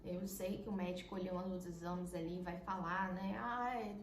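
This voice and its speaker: A woman's voice: on the low side, flat delivery, moderate pace. A young woman from Brazil earnestly telling a personal story to camera, often tagging sentences with little questions. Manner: earnest, heartfelt, many tag questions. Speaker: vlogger. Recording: echoey room, faint noise.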